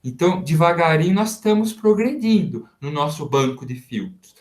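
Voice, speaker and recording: A man with a Brazilian Portuguese accent, a university professor giving a recorded math lecture and working through each step slowly with rhetorical questions to his students. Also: fairly high pitch, animated. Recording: roomy echoey sound.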